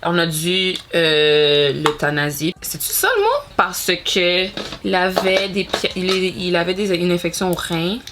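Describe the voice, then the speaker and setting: A woman's voice: lowish voice, flat delivery, a little slow, background noise. A woman in her thirties from Montreal with a Quebec French accent, chatting casually as a beauty vlogger and slipping between French and English with lots of fillers. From Montreal, Canada. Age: 30s. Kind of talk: casual get-ready-with-me chat.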